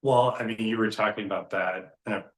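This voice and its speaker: A man hosting a podcast, asking casual interview questions in a halting way and often repeating his opening words. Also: on the low side, fairly even intonation, a bit bright, reverberant. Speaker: podcast host.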